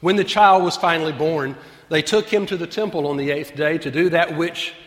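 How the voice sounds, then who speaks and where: High-voiced man preaching in a reverberant hall. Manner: measured, deliberate storytelling with dramatic pauses. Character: the angel Gabriel, humble, solemn messenger of God. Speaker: preacher performing a monologue as an angel. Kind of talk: dramatic first-person sermon monologue.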